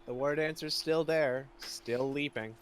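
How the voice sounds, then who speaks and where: A man's voice: on the high side, fairly even intonation, measured pace, a little hiss or hum. A man co-commentating a game casually, mostly with short, laid-back replies. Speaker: guest co-commentator.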